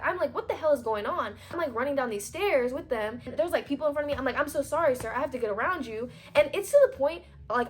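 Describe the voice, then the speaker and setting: A woman in her twenties telling a storytime vlog, chatty and animated, full of fillers, acting out what people said. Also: fairly high pitch. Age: 20s. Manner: chatty and animated, lots of "like", voices quoted people. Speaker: vlogger. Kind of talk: storytime vlog, casual retelling.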